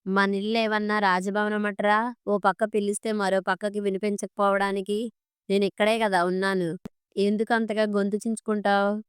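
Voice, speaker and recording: A woman voicing an older mother in a storybook reading, talking in a soft motherly way with mild scolding. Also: medium pitch, little pitch movement, moderate pace, smooth, no echo, clean studio sound, close to an everyday voice.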